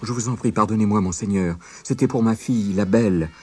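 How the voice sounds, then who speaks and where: A man's voice: fairly low pitch, a little fast, darkish tone, faint music behind, voice pushed up, lightly acted. A man doing a frightened pleading father. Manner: pleading, fearful.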